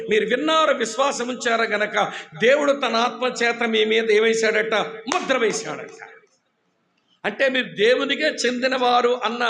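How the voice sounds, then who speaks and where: A man with a high voice preaches a sermon in a church hall with ceiling fans. He keeps firing questions at the congregation and waits for their answers, and he teases the people who nod off. The sound rings with a roomy echo. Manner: teasing, humorous about dozing listeners; says he shouts loudly when preaching. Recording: echoey hall.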